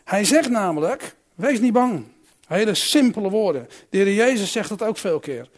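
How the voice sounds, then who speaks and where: A man preaching a sermon who asks his listeners direct questions and swings between loud emphatic calls and quiet reflective asides. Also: high voice, expressive, normal speed.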